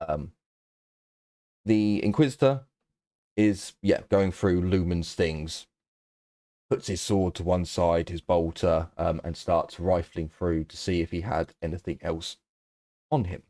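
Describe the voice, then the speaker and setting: A man runs a tabletop game as game master, narrating the scene at an unhurried pace and filling gaps with ums. His voice sits very low. The sound is dry and close. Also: steady tone, warm tone, no echo. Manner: unhurried narration full of um fillers.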